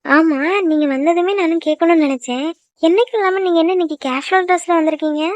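A young woman voicing a jealous, quick-tempered girlfriend in a cartoon, scolding and sulking fast. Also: extremely high pitch, fairly even intonation, a little mellow, dry recording. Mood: curious, pleading. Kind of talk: cartoon voice acting.

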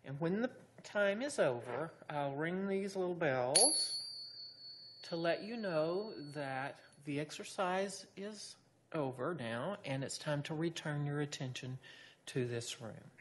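A woman leading a guided meditation as a teacher, giving instructions in measured phrases with pauses between them. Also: low voice, slight background noise.

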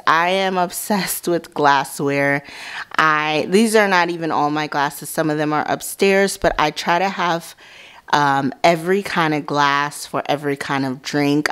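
A woman's voice: deep voice, fairly bright tone, clear, resonant tone. A woman narrating a home tour of her basement in a casual, gushing way with frequent ums.

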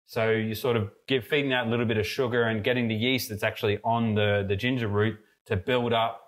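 A young man who brews mead co-hosts a podcast from an indoor brewery, tasting a homebrew in a casual chat. His lowish voice is fairly quick, and his relaxed, rambling talk is full of fillers and restarts.

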